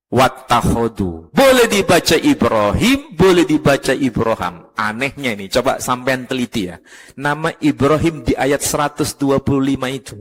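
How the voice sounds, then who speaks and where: A fairly high-pitched man gives a religious lecture to a live audience. He teaches in a lively way and throws questions at his listeners. His voice rings out with a long hall reverb. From Surabaya, East Java, Indonesia. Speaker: professor giving a religious talk.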